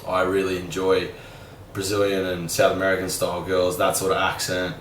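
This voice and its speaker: A man's voice: deep voice, monotone, moderate pace, a bit bright. A young man, musing casually and candidly in a rambling vlog monologue full of "like". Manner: rambling, candid, fillers like "like", mild swearing. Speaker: vlogger. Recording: roomy sound, a bit far from the mic, faint background hum.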